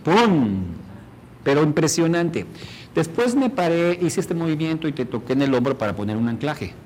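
A man's voice: a little high, sing-song, normal speed, darkish tone, a little hiss or hum, poor audio. A man teaching a workshop on rapport, demonstrating and often asking the audience questions. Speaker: instructor.

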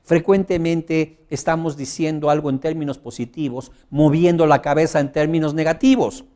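Male speaking coach giving a teleseminar lecture, fairly high voice, strong swings in loudness, measured pacing with filler sounds. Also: fairly even intonation. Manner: strongly modulated, rising and dropping volume for emphasis; frequent fillers, slow deliberate phrasing. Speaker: public speaking instructor.

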